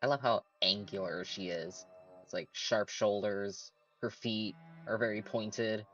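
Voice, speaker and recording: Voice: low voice, steady tone, unhurried, fairly bright tone, lo-fi sound, soft background music. A playful, chatty streamer giving casual commentary on a game.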